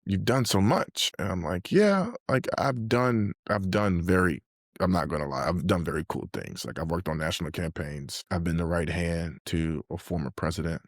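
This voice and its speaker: A man in his late twenties, a podcast guest and mentor, speaks earnestly and reflectively in a conversational interview, often dropping in "like." His voice sits low with fairly even intonation at normal speed, recorded at studio quality with no echo.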